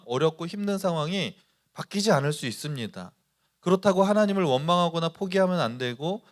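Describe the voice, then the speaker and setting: A man preaching a youth sermon as pastor, telling stories with lively, acted-out quoted voices. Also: a little high. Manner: animated storytelling, acting out quoted voices.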